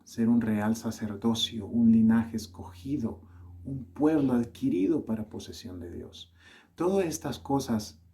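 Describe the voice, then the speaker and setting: Here a preacher from El Salvador speaks in a mid-range voice, sincere and deliberate. Colombian touches soften his otherwise Salvadoran accent.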